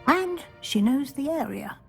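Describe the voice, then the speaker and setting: A woman voicing a brisk, shrewd middle-aged professor in a fantasy video game, formal and precise. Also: high voice, lively intonation, vocal fry, darkish tone, full character voice. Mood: instructive. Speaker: actor voicing a game character. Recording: game music underneath.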